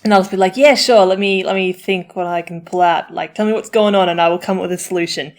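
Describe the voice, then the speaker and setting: Speaking fast in a lowish voice, a woman plays a supportive friend in a comforting audio roleplay. Her chatty, informal pep talk to the listener has a theatrical, encouraging manner.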